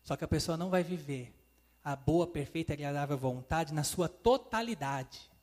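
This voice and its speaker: An evangelist with a voice on the high side, speaking at a normal pace, refers to the congregation as "queridos" (dear ones). He renders God's words in quotes, and the recording has a long hall reverb.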